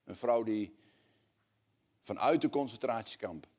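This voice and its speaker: A man preaches a sermon, shifting between quiet, slow, earnest passages and loud, rising appeals to the congregation. His voice is mid-range and husky.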